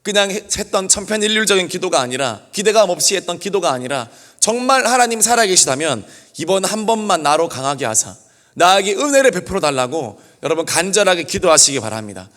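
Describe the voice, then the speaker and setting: Male pastor preaching earnest, kinda high voice, big hall reverb behind him. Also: very animated, fairly quick, fairly bright tone. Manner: earnest preaching with repeated pleading refrains. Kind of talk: sermon. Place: church sanctuary.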